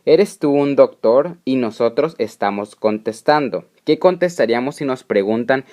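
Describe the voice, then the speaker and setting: A man's voice: medium pitch, lively intonation, normal speed, darkish tone. A man teaching English grammar, native Spanish speaker, explaining patiently step by step and repeating each example. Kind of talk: slow explanatory grammar lesson.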